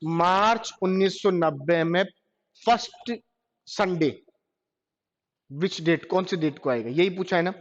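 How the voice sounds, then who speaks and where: This computer teacher's voice sits high, and he takes his time, leaving long pauses as he lectures. He quizzes the room but answers his own questions, captured on a dull, lo-fi classroom recording.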